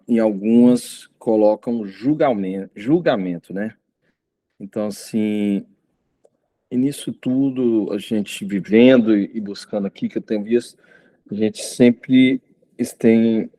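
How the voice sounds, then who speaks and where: Low-pitched guy preaching, halting, lots of ums and restarts. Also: dark tone. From Goiânia, Brazil. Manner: hesitant, many fillers and restarts. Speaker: visiting preacher. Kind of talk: informal sermon.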